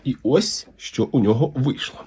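Animated man unboxing comics. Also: medium pitch, husky. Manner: enthusiastic, unhurried, lively intonation. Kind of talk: casual unboxing commentary.

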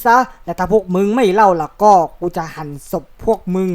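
A woman's voice: medium pitch, lively intonation, a little fast, a little mellow, pitched below the performer's own voice, close to an everyday voice. A woman dubbing an unhinged male camp teacher who snarls crude threats at the kids, in a comic fan dub. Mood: menacing. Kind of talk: Thai fan dub of a comedy video.

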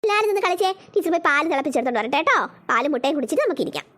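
Woman doing a cartoon preschool teacher, Malayali accent, very high squeaky voice, bouncy sing-song delivery. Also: sing-song, very fast, a bit bright. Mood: reassuring. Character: cheerful female preschool teacher coaxing children. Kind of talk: cartoon voice acting.

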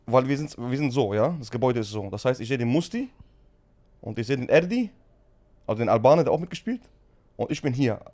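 Animated slangy man spinning a story. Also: medium pitch, fast talker, pauses often. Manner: animated, slangy, keeps saying "Bruder"; laughs often while telling. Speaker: streamer telling a story. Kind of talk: casual storytelling.

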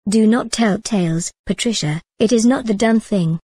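A woman's voice: medium pitch, moderate pace, mellow, breathy edge, dry recording, close to an everyday voice. A woman voicing a strict older nanny who scolds in a clipped, commanding manner. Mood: reproving.

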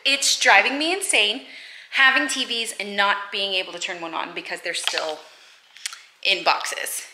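A woman's voice: mid-range voice, unhurried, echoey room, background noise. A young woman vlogging casually to a camera held at arm's length, chatty and upbeat. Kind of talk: casual vlog chat. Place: inside a car, then a showroom and a house under renovation.

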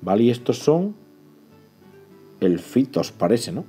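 A man, excitedly unboxing a board game in casual talk, often pleading to himself and chattering to viewers. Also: medium pitch, slow, soft background music. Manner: excitable, pleading and self-talking. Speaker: board game channel host. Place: indoors at a table, off camera.

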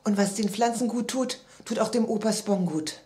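A woman reading aloud her own children's story in a lively, expressive way. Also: on the high side, moderate pace.

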